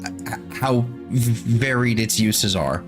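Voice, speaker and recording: A man's voice: medium pitch, slow pace, music in the background. A man chatting casually while playing an online game with friends, rambling and restarting his sentences. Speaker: co-player on a gaming stream. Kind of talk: casual gaming chat.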